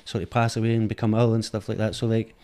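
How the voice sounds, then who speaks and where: Into a dynamic studio mic, a middle-aged Scottish director with an Edinburgh accent speaks quickly and levelly, his fairly low voice dark and clean. As a guest in a candid, reflective chat, he repeats words while feeling his way toward what he means.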